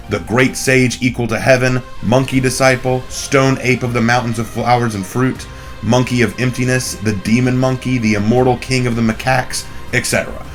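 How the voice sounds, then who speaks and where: A male video host narrates a scripted explainer in a mid-pitched voice. He sounds a little off from a cold, and faint music plays behind him. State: slightly off voice from a cold.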